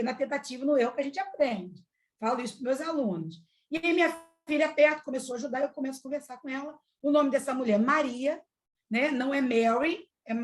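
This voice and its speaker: Brazilian woman, high voice, church testimony speaker, lively storyteller with fillers and repeats. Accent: Brazilian Portuguese. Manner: animated storytelling with many fillers and repeated words. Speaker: speaker at a church women's event. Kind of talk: testimony talk.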